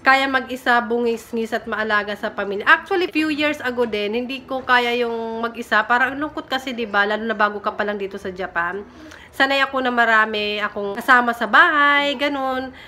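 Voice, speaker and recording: Chatty young Filipina mom vlogger. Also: female voice, a little high, moderate pace, pushed and bright, slight background noise. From Philippines. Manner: chatty, giggly, self-teasing. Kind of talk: casual vlog chat reading comments. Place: home room in Japan. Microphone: phone camera.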